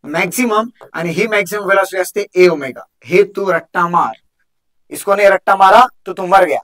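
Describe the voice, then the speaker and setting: A young man with a Marathi accent teaching a fast physics exam crash course, chatty and joking, quizzing students over and over on formulas. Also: high voice, fairly bright tone, rough recording. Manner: chatty, joking, drills formulas with repeated questions.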